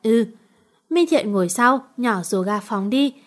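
A woman's voice: medium pitch, lively intonation, normal speed. Woman narrating a romance novel. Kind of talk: audiobook novel reading.

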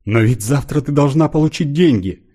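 A man reading an audiobook voices a stern, careworn older sister, a seamstress who speaks in a brisk, questioning way. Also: mid-range voice, lively intonation, mellow, slightly rough, voice pushed up. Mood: worried.

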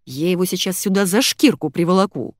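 A woman's voice: fairly low pitch, brisk, no echo, studio quality, natural voice. A woman voicing a brash young man who gives orders brusquely. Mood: impatient. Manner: brusque, commanding.

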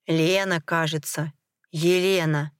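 A woman's voice: low voice, steady tone, takes it slowly, smooth, dry recording, studio quality. An offhand, chatty man, as a woman puts him on. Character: gossiping man in a beer hall, casual.

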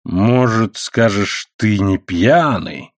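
A man's voice: fairly low pitch, expressive, takes it slowly, no room sound, studio quality. A man voicing a drunken, coarse middle-aged coal miner who drags out his words and then bellows. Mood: sullen drunk. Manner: slurred drawl turning to bellowing.

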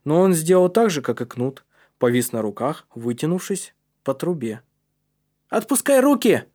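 A man reading a storybook aloud as narrator in a steady, measured way. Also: on the high side. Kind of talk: audiobook narration.

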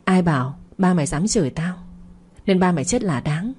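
A woman's voice: lowish voice, animated, moderate pace, darkish tone, husky. A woman voicing a sneering cruel stepmother. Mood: mocking. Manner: mocking, scornful. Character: scheming cruel middle-aged stepmother, sneering. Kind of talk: storytelling audio drama.

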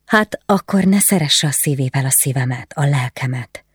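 A narrator voicing a young noble widow who speaks softly and hesitantly, sometimes whispering, in an audiobook. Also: female voice, a bass voice, expressive, slightly rough, dry recording, clean studio sound, heavily acted. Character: young noble widow, shy but bold.

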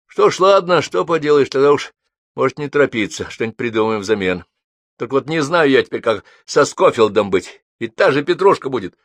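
A man's voice: mid-range voice, big pitch swings, fairly quick, no echo, studio quality, voice pushed up. A male reader voicing a tired, resigned man talking on the phone. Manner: weary, resigned.

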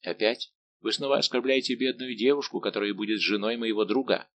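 A man's voice: on the low side, fairly even intonation, a little fast, a little hiss or hum, natural voice. A man reading an audiobook, voicing a devoted young nobleman count who speaks with respectful firmness. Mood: earnest.

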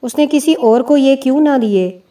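A woman's voice: sits high, expressive, mellow. A woman voicing a blunt, impatient army major who talks curtly and presses hard, heard from a distant mic. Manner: curt, pressing.

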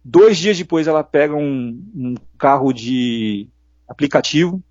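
This middle-aged Brazilian interview guest, with a Brazilian Portuguese accent, recounts heartfelt personal experiences in a casual way, performing the voices of those he quotes. He speaks a little slowly, mid-range and darkish in tone, with lively intonation. The sound is dry, dull and lo-fi, with no room ambience.

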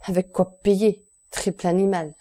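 A woman's voice: lowish voice, moderate pace, mellow, slightly rough. A woman voicing an indignant, starving male banker held prisoner, protesting haughtily in an audiobook reading. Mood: exasperated.

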